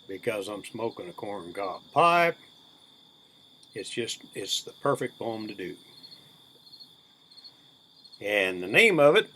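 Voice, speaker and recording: Slow-drawling folksy man, crickets behind. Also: fairly low pitch. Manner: folksy, unhurried cowboy drawl. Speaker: video host. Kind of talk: casual rambling chat to viewers. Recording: steady background noise with chirping crickets.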